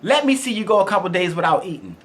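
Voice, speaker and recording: A sing-song, high voice and a quick pace mark this man from Baltimore, Maryland, whose accent is strong. He wants onto a game show and, in a casual Las Vegas casting room interview, boasts and jokes with plenty of laughter.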